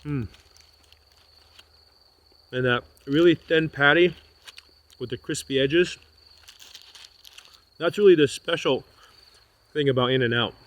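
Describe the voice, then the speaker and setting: A middle-aged man in a casual vlog, chatting outdoors by his van while eating. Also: medium pitch. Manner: relaxed, talking with his mouth full while eating. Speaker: van life vlogger.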